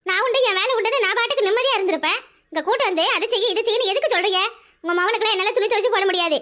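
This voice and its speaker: A woman's voice: very high voice, rapid-fire. A woman voicing a grumbling village daughter-in-law. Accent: Kanyakumari Tamil. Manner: complaining, sharp-tongued. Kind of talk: cartoon voice acting.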